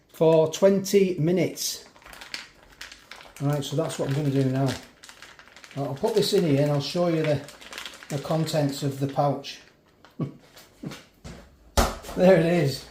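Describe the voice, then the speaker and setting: Chatty bloke reviewing a meal kit. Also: male voice, fairly high pitch, mellow, roomy sound, a little hiss or hum. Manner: chatty, self-mocking, rambling asides. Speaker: food reviewer. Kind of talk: casual product review. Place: home kitchen.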